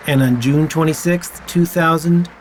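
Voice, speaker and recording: A man narrating a documentary in a measured, clear scripted read. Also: a little high, some chatter behind. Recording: faint music underneath. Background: faint music.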